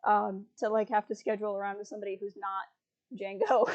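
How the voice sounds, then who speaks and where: A woman's voice: medium pitch, level tone, brisk, dull audio. A woman hosting a casual livestream chat, talking loosely with lots of fillers and laughing easily. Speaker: livestream host.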